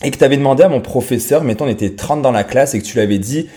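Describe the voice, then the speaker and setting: Speaking fast in a mellow, mid-range voice, this French podcast host in his thirties addresses the listener directly. The monologue is informal and unscripted, carried by his French accent.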